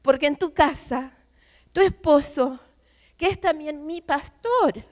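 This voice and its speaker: A woman's voice: high voice, takes it slowly. A woman, a pastor's wife, giving an emotional, emphatic sermon testimony, quoting voices as she tells her story in a church. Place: church sanctuary. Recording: long church hall reverb.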